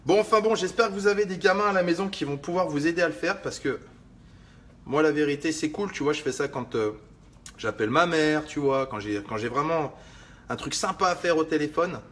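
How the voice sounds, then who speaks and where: A man's voice: fairly high pitch, brisk, fairly bright tone. A man vlogging in a casual, slangy way while making a drink in his kitchen, swearing lightly and rambling with asides to the viewer. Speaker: fitness vlogger. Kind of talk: casual video chat while preparing a drink.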